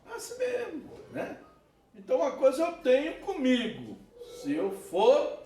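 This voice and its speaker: A man with a Brazilian Portuguese accent, a pastor preaching an animated sermon with laughter and asides. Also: very high-pitched, unhurried. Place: church hall. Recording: echoey church hall, mic at a distance.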